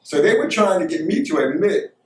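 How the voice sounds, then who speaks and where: A casual middle-aged American man tells a first-person anecdote in a high, expressive, brisk voice. He was recorded at some distance from the mic in an echoey room.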